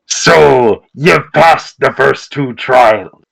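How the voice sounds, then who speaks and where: A man's voice: mid-range voice, very slow, creaky, a bit bright, exaggerated voice. A man doing a metallic, muffled, taunting voice. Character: unseen showman's voice, taunting, theatrical.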